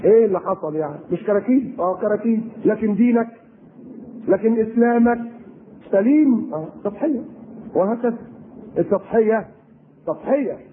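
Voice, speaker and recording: Animated Egyptian preacher, tinny recording. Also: male voice, sits high, moderate pace, long pauses. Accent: Egyptian Arabic. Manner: animated, rhetorical questions to the audience. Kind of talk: Egyptian colloquial sermon. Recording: tinny lo-fi recording with faint noise.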